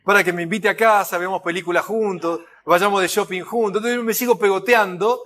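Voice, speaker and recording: A man with a Rioplatense accent giving an enneagram lecture, animated and conversational, constantly checking in with his listeners. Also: high-pitched, fairly quick. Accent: Rioplatense Spanish. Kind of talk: recorded lecture.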